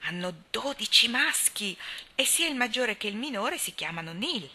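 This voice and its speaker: A woman's voice: a little high, big pitch swings, normal speed, pushed and bright, slightly rough, voice pushed up, heavily acted. A woman reading the part of a talkative, gossipy older spinster in an audiobook, in an emphatic, chatty manner. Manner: chatty, emphatic, sighing storyteller.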